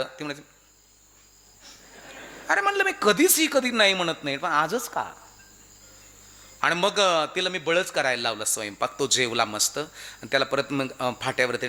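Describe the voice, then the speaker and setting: Animated Marathi kirtan preacher man. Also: fairly high pitch, a little fast. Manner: animated, calls out questions to the audience. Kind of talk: devotional kirtan sermon with sung verses.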